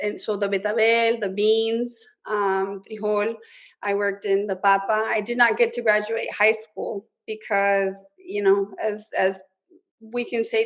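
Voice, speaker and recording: A woman's voice: mid-range voice, dull audio. A middle-aged woman from Mexico, raised in Nebraska, telling her personal story as an interview guest in an earnest, emotional way, with Spanish words mixed in. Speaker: interview guest, business owner.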